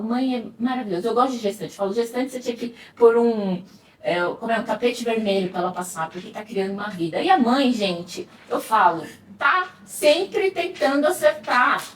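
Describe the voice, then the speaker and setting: A woman hosting a casual chat, talking with animated energy, laughing often and quoting patients. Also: fairly high pitch, normal speed. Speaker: host, clinician at the clinic. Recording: echoey room, distant mic, faint noise.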